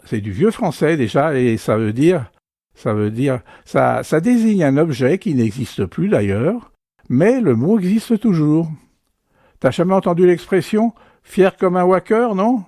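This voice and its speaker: A man's voice: a little high, darkish tone, no room sound, clean studio sound. A man playing a sarcastic, bossy middle-aged father in a comedy sketch monologue, teasing and talking down to his family. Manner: teasing, condescending, bickering. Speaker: father keeping score.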